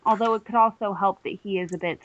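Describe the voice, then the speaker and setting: A woman co-hosts a fan podcast and speaks her mind in quick, animated asides. The recording is dull and lo-fi, and the sound is dry and close. Her pitch is ordinary for a woman. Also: no room sound. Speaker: podcast co-host. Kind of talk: casual fan podcast chat.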